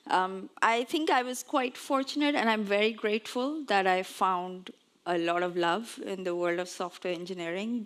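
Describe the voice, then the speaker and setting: A woman's voice: mid-range voice, fairly bright tone. A woman in her forties, originally from Pakistan, giving a conference talk on stage in a chatty, lightly self-mocking way. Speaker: conference speaker. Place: on stage before an audience.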